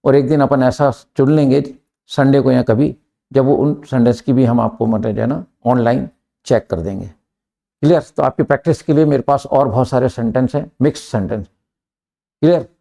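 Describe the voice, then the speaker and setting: A middle-aged Indian man teaches grammar, switching between Hindi and English. His voice is gravelly and dark, and he slows right down to dictate each example sentence. He keeps checking with his students by asking "clear?". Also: medium pitch.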